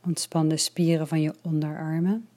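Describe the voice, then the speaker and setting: A woman leading a guided relaxation meditation, speaking slowly and softly, at times in a whisper. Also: deep voice, level tone. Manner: slow, soft and soothing, partly whispered.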